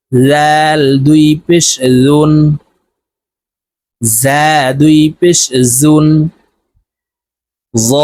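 A man teaching Arabic letter sounds, chanting each syllable in a slow, drawn-out drill and pausing to explain how to pronounce them. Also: on the high side, a little mellow, no echo. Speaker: Quran reading teacher.

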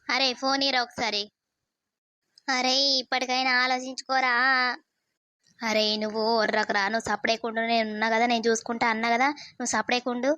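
A woman's voice: fairly high pitch, little pitch movement, brisk, pauses often, pushed and bright, no room sound. A woman voicing a scheming young village man, coaxing the elders and bossing his friend.

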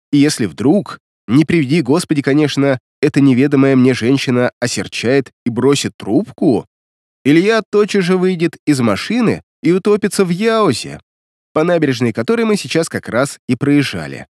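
A man's voice: medium pitch, darkish tone, no room sound, studio quality. Wry male audiobook narrator. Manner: wry, ironic storytelling. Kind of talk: first-person audiobook narration.

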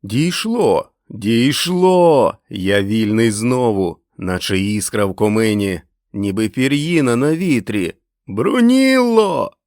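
Man reading a winged father, low voice, dry close sound, loud joyful outbursts, storybook. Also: animated, moderate pace, no echo. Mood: exultant. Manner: bursts into loud joyful exclamations. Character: winged grown father yearning to fly, gloomy then overjoyed. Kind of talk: audiobook character reading.

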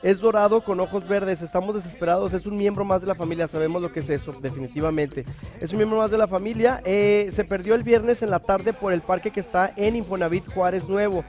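A man's voice: high voice, fairly even intonation, fairly quick, darkish tone, faint music behind. A man hosting a live morning TV show, chatty and affectionate as he reads out viewer greetings. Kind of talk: casual live TV chat.

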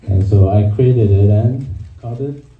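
A man's voice: lowish voice, measured pace. Hesitant young man doing stand-up, from far back. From Korea. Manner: hesitant, lots of ums and uhs. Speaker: stand-up comedian. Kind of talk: stand-up set. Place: small comedy club stage. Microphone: handheld mic, filmed from the audience. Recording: muffled, distant, echoey club from the crowd. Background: audience laughter and room ambience.

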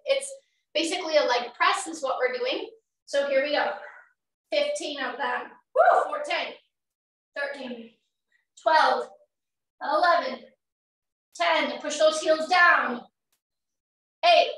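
A middle-aged woman leading a workout as an energetic aerobics instructor, counting and cueing while exercising along. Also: sits high, takes it slowly, pauses often. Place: small indoor home gym. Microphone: far camera a few metres away. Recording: roomy echo, distant microphone.

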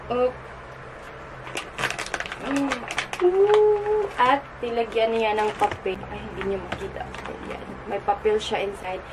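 Gushing Filipino woman vlogger. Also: on the high side. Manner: gushing, excitable exclamations; mixes English and Tagalog. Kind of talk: casual unboxing vlog. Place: her bedroom.

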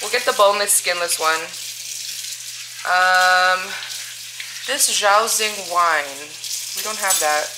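A woman's voice: fairly low pitch, slow, pauses often. Chatty American woman, noisy home kitchen. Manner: chatty, thinking aloud, lots of fillers. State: tired. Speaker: vlogger. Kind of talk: casual chat.

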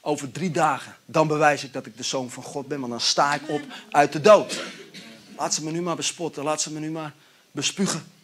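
A calm, forgiving figure speaks softly and earnestly, as a preacher quotes him in a sermon. The voice stays low and hushed. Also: male voice, a little fast, natural voice. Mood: gentle. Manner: gentle, quiet, earnest. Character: calm forgiving Jesus, grown man.

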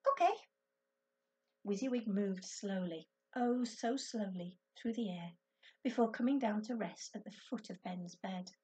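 A woman teacher reading a children's book aloud to her class, with clear, expressive storytelling. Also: mid-range voice, unhurried, distant mic.

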